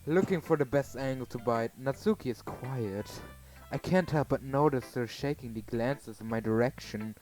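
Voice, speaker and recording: A man's voice: medium pitch, moderate pace, darkish tone, faint music behind, low-quality recording. A man with a German accent and German as his first language, reading a visual novel aloud with stumbling, laughing casual delivery.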